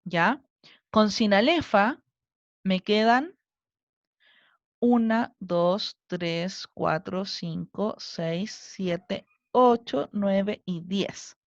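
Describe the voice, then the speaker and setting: A woman's voice: mid-range voice, drawn-out words, no room sound, highs cut off. A woman teacher with a Chilean Spanish accent, giving a recorded lesson and patiently counting syllables aloud step by step. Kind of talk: recorded online class lesson.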